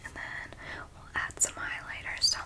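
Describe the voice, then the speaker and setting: A woman in her twenties hosting ASMR personal attention as whispered role-play, whispering close to the microphone with soft, tingly mouth sounds. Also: moderate pace. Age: 20s. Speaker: ASMR host. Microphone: close microphone, intimate framing.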